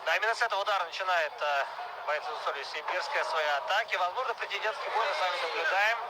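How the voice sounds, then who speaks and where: High-pitched guy calling an mma fight, wordy descriptions, really noisy arena behind. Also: rapid-fire. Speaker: MMA commentator. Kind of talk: live fight commentary. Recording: loud crowd and arena noise behind. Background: noisy fight crowd.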